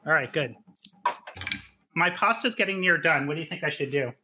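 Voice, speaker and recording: A man's voice: fairly high pitch, lively intonation, normal speed, background noise. A man hosting a show, cooking along and asking a chef questions in casual chat. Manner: curious, playful. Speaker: podcast host.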